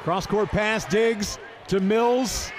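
A high-pitched man calls a basketball game in fast sports commentary. His delivery is clipped and urgent, over a busy crowd and clear arena noise. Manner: clipped, urgent play-calling. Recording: noisy arena with crowd behind. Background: crowd and bouncing basketball in arena.

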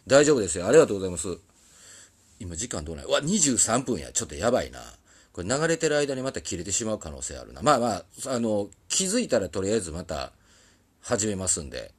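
A man's voice: lowish voice, big pitch swings, quick pace, slightly rough. A man with an Osaka accent, a musician chatting casually on a live stream from a recording studio, rambling and apologizing, often laughing. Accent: Osaka dialect.

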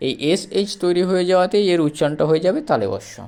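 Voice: medium pitch, lively intonation, racing, mellow. Patient teacher spelling out words. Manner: spells out words letter by letter, then repeats them; patient, explanatory, repeats each point. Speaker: English teacher. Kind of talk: spoken pronunciation lesson.

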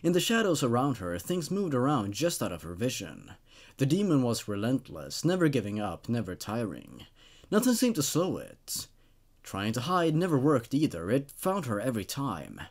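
Reading horror stories aloud and then discussing them conversationally, this twenties host speaks at a medium pitch that swoops wildly, keeping a moderate pace.

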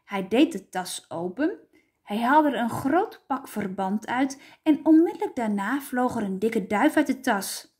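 Slow, expressive woman reading a storybook. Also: fairly high pitch. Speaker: teacher reading aloud.

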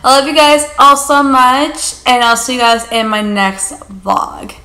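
A young woman chats to her camera from a living room couch in a bright, slightly raised voice. She rambles warmly, stacking up fillers. The room gives her voice a noticeable echo. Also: sits high, measured pace. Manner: chatty, rambling, fillers of like and you guys. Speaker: vlogger. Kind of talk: casual vlog chat to camera.

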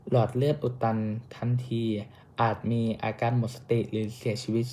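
A man's voice: medium pitch, little pitch movement, normal speed, mellow, slight background noise. Young man reading a class report. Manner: careful reading with small slips and restarts. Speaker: student presenter.

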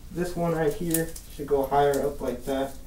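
Wearing a balaclava and mask that muffle him, this young man gives a casual indoor review of airsoft gear, rambling and swearing mildly. His pitch is fairly high, his tone steady and his pace moderate. Heavy background noise sits under roomy, distant camera audio.

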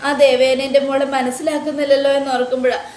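A woman's voice: high-pitched, flat delivery, fast talker, a little mellow, roomy sound, slight background noise, close to an everyday voice. A woman voicing a fretful middle-aged mother, lamenting and protective of her daughter. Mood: grieving.

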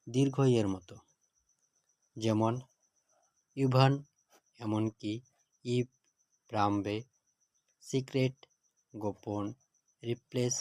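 A man teaching a grammar lesson, reading out words one at a time with their meanings in a measured, dictating way. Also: fairly low pitch, a little mellow, no room sound. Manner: measured, word-by-word dictation with translations.

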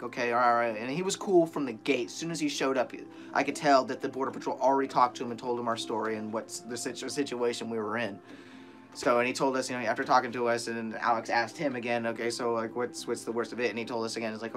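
A young man vlogging from a small bare room, animated and profane as he retells a tense story to a close camera. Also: medium pitch.

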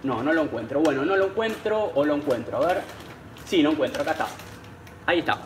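A chatty man with a Rioplatense Spanish accent hosts a live cooking stream, his slightly high voice chatting along as he works. He sounds like he is in a small, echoey home kitchen with a faint hum of noise behind him. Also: lively intonation, quick pace. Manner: chatty, greets viewers by name, speaks as he cooks. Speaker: cooking channel host.

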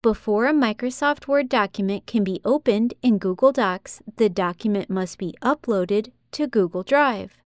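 A woman in her thirties walks through a computer tutorial in a calm, measured way, one step at a time. She sits close to the mic in a small room. The recording is dry. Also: mid-range voice, no echo. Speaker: tutorial host. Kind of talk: scripted software tutorial.

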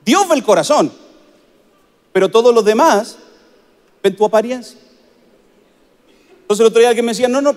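Male pastor, very high voice, emphatic sermon, church-hall reverb. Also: a little mellow. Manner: emphatic preaching, repeats phrases for stress.

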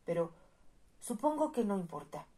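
A woman reading the lines of a proud, angry young male marquis in a storybook reading, with a forceful, exasperated delivery. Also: mid-range voice, sing-song, moderate pace, breathy edge, pitched above the performer's own voice.

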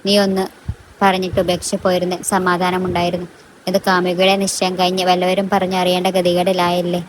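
A woman voicing an angry young man who accuses his girlfriend, in a flat, low delivery. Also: fairly quick, noisy background, natural voice. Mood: bitter accusing. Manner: accusing, bitter. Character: angry young man, jilted college lover.

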